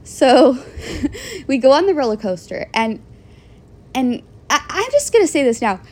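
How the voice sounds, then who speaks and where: A woman's voice: high voice, very animated, unhurried, darkish tone. A young woman in her twenties hosting a podcast, telling a dating story in a chatty, giggly way, laughing often and swearing. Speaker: podcast host. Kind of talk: casual storytelling.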